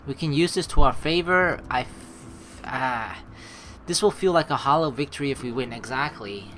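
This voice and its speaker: A let's play streamer gives casual, rambling, emphatic commentary, swearing now and then and reading game text aloud over the game's background music. His voice is medium in pitch and fairly bright, at a normal speed, with slight background noise.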